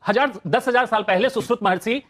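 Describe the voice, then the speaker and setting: A man's voice: very high voice, brisk, a bit bright. A male doctor arguing on a television panel, repeatedly demanding sources and proof.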